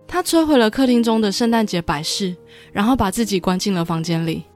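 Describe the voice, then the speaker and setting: A woman hosting a podcast calmly retells a drama's story and reads the characters' lines in her own voice. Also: mid-range voice, fairly quick. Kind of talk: storytelling recap with quoted dialogue. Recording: dry close studio mic with faint background music.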